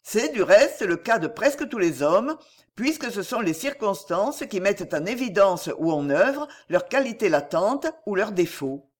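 Relaxed, teasing well-off gentleman read by a narrator, storybook audiobook. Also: medium pitch, measured pace. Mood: calm. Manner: calm, easygoing. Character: wealthy whimsical gentleman, calm and teasing. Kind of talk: audiobook reading.

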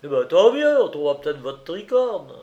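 A boisterous, swaggering prankster of an uncle, as a male reader acts him out. He booms and teases in a commanding, raised voice. This is storybook reading with lively character acting. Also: normal speed, dull audio. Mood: teasing. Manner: loud, jovial, commanding. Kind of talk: audiobook character voice.

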